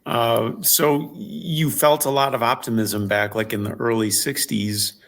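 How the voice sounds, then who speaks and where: A man's voice: medium pitch, fairly even intonation, a little slow, a bit bright. A man asking an interview question in a casual, loose way. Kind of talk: conversational questioning.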